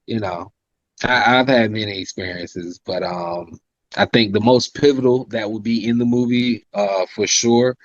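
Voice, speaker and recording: Here the South Carolina rapper and singer, in his 30s, speaks a little slowly with a steady tone, on a recording with no room sound and the highs cut off. He's a casual, polite interview guest who says "you know" often and calls his own voice high-pitched.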